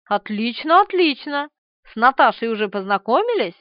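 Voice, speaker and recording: A woman's voice: sing-song, moderate pace, no room sound. A woman voicing a cheerful, hearty middle-aged father in an audiobook. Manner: hearty, then polite and low. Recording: dry, slightly dull studio recording.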